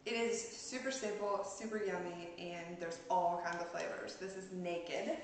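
A woman's voice: lowish voice, fairly even intonation, unhurried. Bubbly woman in her thirties, casual cooking host, giggly, echoey kitchen, faint hiss. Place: large home kitchen, indoors. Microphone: camera mic across the room.

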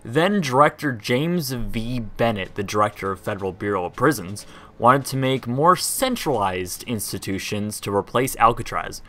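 A man's voice: medium pitch, expressive, moderate pace, a bit bright. A young man hosting a casual history video, chatty and rambling, laughing and tripping over words. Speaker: host.

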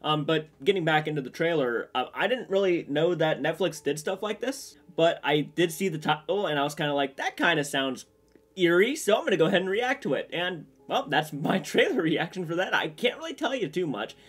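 A man's voice: fairly high pitch, lively intonation, fairly quick, a bit bright, breathy edge. A young man hosting a trailer reaction video, talking casually in a rambling, chatty way from a small room full of horror collectibles. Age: young adult. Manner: rambling, chatty, lots of restarts and fillers. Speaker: trailer reaction channel host.

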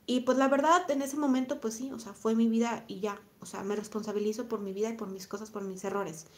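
A woman with a Mexican accent, in her thirties, talking on a live stream and answering chat comments in a reflective, soft-spoken way, often repeating her phrases. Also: fairly high pitch, steady tone, fairly quick. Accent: Mexican Spanish. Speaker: vlogger reading live chat.

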